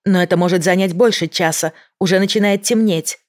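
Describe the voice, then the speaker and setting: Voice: medium pitch, steady tone, brisk, pitched above the performer's own voice, lightly acted. A reader voicing a female agent who keeps her voice in check while negotiating with a bomber. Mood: tense. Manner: controlled, pleading, restrained. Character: tense female federal agent, holding her voice steady. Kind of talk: audiobook character voice.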